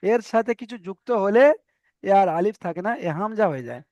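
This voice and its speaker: Man, high-pitched voice, patient teacher, repeats points slowly, dry close sound. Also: lively intonation, darkish tone, dry recording, lo-fi sound. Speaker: Arabic reading teacher. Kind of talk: online class instruction.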